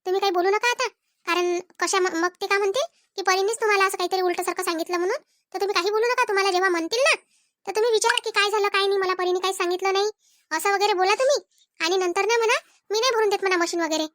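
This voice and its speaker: A woman's voice: very high voice, very fast, fairly bright tone, dry recording, clean studio sound. A woman voicing a chatty, complaining young newlywed wife in a cartoon, who rattles on and keeps quoting what others said. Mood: aggrieved chatter. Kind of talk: cartoon voice acting.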